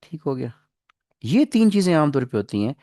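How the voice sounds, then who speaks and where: Lively male English teacher. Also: on the high side, no room sound. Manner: explains slowly, reads English example sentences slowly; asks the class questions and repeats answers. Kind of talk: classroom lecture.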